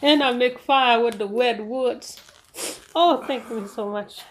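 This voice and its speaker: A woman's voice: a little high, slow pace, poor audio. A woman hosting a casual food video, chatting playfully to viewers and often repeating herself. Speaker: mukbang host and cook.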